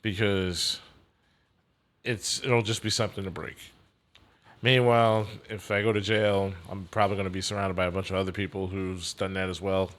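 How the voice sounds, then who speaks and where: A man who hosts a sports radio show appears as a guest on a podcast for a casual chat. His voice is low and a bit bright, with a level tone and moderate pace. He talks in an easygoing, plain-spoken way.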